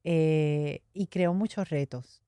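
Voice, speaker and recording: A middle-aged Puerto Rican woman speaks with a low, mellow voice and a Puerto Rican accent. She recounts her past candidly and reflectively, with a light laugh now and then. The sound is dry and close. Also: slow, clean tone, no echo. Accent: Puerto Rican Spanish. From Puerto Rico. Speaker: interview guest. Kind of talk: personal testimony in conversation.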